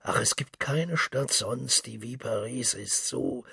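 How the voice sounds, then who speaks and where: A man voicing a boisterous, hard-drinking middle-aged male journalist, loud and boastful, with a gravelly, raspy voice. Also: mid-range voice, slow pace, dry recording, clean studio sound, exaggerated voice. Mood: worldly.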